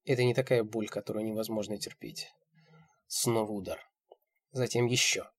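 A man narrating a first-person audiobook in a steady, measured reading. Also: on the low side.

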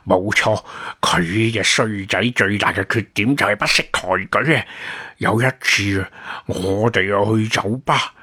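A man voicing a cheeky, loudmouthed young male sidekick who mocks his friend in a storybook reading. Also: lowish voice, measured pace, husky, no room sound, clean studio sound, exaggerated voice. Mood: mocking. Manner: mocking, gossipy.

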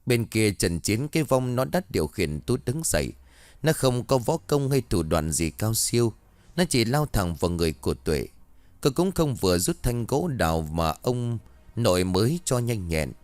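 A man's voice: on the low side, darkish tone, no room sound. Man, ghost story narrator, dramatic reading, dry close sound.

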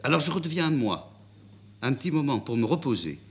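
A man voicing a young milliner woman, spirited and proud, with his voice raised high. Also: a little fast, slightly rough. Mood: blunt. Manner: pitched up high, lively and indignant.

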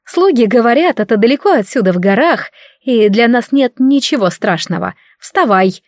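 Storybook queen mother, middle-aged, loud and impatient, pitched up, voiced by a woman. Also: expressive, normal speed, no echo, studio quality. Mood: reassuring.

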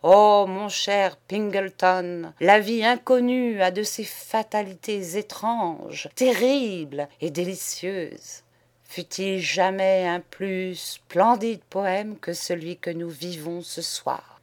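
A woman's voice: mid-range voice, slow, close to an everyday voice. A woman voicing an impassioned male poet who pleads fervently and declaims. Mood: pleading.

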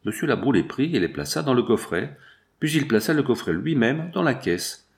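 A man narrating a classic novel as a scripted audiobook, in a measured, expressive storytelling manner. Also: mid-range voice, vocal fry.

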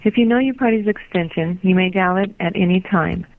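A woman's voice in a recorded phone menu message, reading polite, measured options and instructions. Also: fairly low pitch, slight background noise. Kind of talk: scripted recorded announcement. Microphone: heard through a phone call. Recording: tinny phone line playback.

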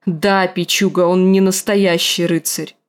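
A woman reading an audiobook, voicing a scarred, bitter, hulking male warrior with a rasping, gruff, slow and menacing delivery. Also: fairly low pitch, little pitch movement, natural voice. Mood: roaring.

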